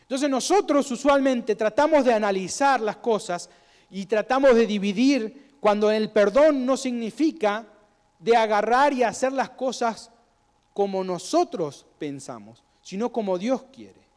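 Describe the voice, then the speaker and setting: High-voiced male pastor in echoing church. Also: animated, a little slow, darkish tone. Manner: conversational preaching, asks the congregation questions, acts out quoted voices. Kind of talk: sermon. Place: church sanctuary. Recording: long hall reverb.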